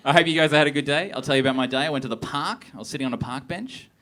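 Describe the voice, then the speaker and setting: A young man doing a stand-up set on a theatre stage, with a deadpan, awkward, self-deprecating delivery. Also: mid-range voice, very fast. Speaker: stand-up comedian. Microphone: handheld stage mic. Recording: live theatre with crowd laughter. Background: audience laughter.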